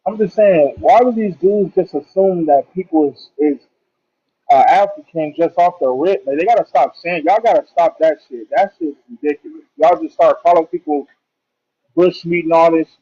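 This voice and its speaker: A man on a live call speaks through a headphone mic, so his voice comes out muffled and bass-heavy, as if under water. He sits a bit high for a man and talks in loose, slangy everyday speech, pressing his point. The sound is dull and lo-fi, with the top end gone. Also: normal speed, slightly rough. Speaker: caller in a live audio chat. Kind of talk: casual argumentative chat.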